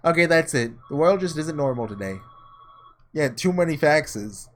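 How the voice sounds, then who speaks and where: A gaming host with a somewhat high, slightly bright voice and lively intonation speaks at a normal speed. He dramatically reads a visual novel aloud for let's-play commentary, reacting along the way with offhand, sarcastic asides.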